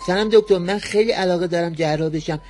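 A man's voice: high voice, over music, lightly acted. An actor playing a naive young man who rambles earnestly about wanting to become a surgeon, in a radio comedy sketch. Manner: earnest, rambling, oddly fixated. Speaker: patient.

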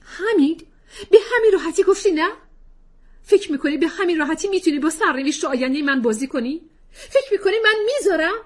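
A woman's voice: mid-range voice, expressive, husky, pitched above the performer's own voice. A woman reading a story aloud, voicing a frustrated mother and actress arguing with her husband.

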